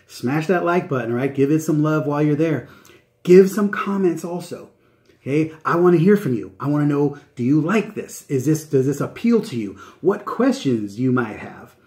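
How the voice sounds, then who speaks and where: A man's voice: a little high, a little mellow. A man hosting a channel introduction in an open, friendly, welcoming way, enthusiastic and emphatic, often checking in with short tag questions. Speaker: channel host, live event specialist. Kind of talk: upbeat promotional channel introduction to viewers.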